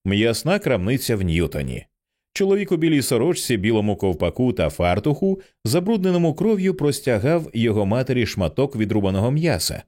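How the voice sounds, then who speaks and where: A man narrating an audiobook with an expressive, dramatic reading. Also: mid-range voice, a little fast.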